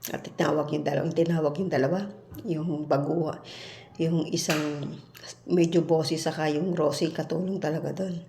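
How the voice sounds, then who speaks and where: In an echoey room with slight background noise, a Filipina domestic worker abroad speaks at normal speed in a low-pitched, gravelly voice. Her casual vlog story is blunt and animated, acting out the arguments she quotes.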